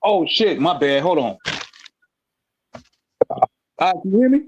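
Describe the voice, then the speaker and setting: A man's voice: high voice, sing-song, unhurried, slight background noise. A man in a casual chat on a call whose voice comes through muffled and far away, as if through a wall, because of a bad mic. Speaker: panel member joining by call. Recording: dull muffled call audio.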